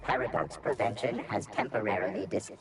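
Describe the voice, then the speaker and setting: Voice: sits low, brisk, gravelly, far from the mic, background noise. A game voice actor playing a malfunctioning robot that stiffly repeats error messages with a glitchy synthetic sound. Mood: glitching.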